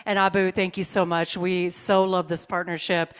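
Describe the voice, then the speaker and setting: A woman's voice: fairly low pitch, level tone, normal speed, smooth. A woman hosting a live awards ceremony, upbeat and full of praise. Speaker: event host.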